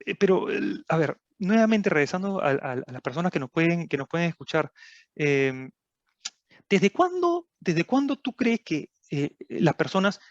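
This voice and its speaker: Man, podcast host, lots of fillers, repeats himself, highish voice, dull dry recording. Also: very animated, dry recording. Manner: halting, many fillers and repeated words, rhetorical questions. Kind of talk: podcast interview.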